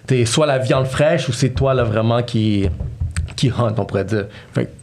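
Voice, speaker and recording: With a medium pitch, a moderate pace and a slightly mellow sound, a man in his thirties recounts his life story on a podcast. His French carries a Quebec accent and is freely sprinkled with English slang, in a relaxed storytelling interview.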